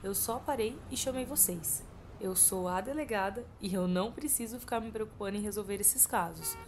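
A woman's voice: mid-range voice, brisk, darkish tone, slight background noise, lightly acted. A woman playing an authoritative police chief, curt, bossy and matter-of-fact in acted crime comedy-drama dialogue. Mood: stern.

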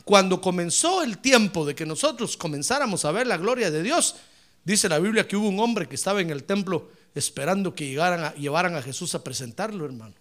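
A man preaching as a pastor in a church, a fiery Pentecostal sermon that swings from quiet asides to shouted exclamations. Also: sits high, lively intonation, fairly quick.

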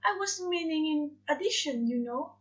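A woman voicing a fussy, gentle male angel, soft-spoken, pleading and eager. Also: high voice, animated, moderate pace, voice pushed up. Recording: dull lo-fi recording.

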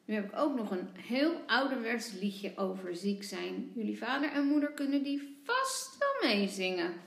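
A woman kindergarten teacher reading a picture book aloud to young children, gentle and expressive. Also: a little high, vocal fry, echoey room. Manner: gentle, slow, expressive storyteller.

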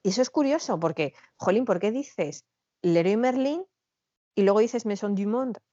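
Lively woman chatting, dull dry sound. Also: mid-range voice, moderate pace, dry recording. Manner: animated storyteller, acts out quoted dialogue. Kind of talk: casual chat. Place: Spain, back from living in France.

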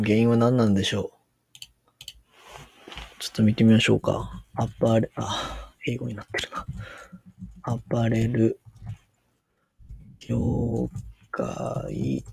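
A man's voice: fairly low pitch, a little mellow, dry recording. Musing Kansai man, dry close sound. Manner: musing aloud, reads passages out. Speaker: solo commentator. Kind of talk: casual commentary on a news article.

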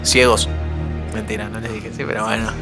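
A young man with an Argentine Rioplatense accent, telling a personal anecdote on a podcast in an animated way. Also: medium pitch, moderate pace, loud music behind the voice. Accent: Argentine Rioplatense Spanish. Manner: animated, acts out quoted voices with shouts. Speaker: guest storyteller.

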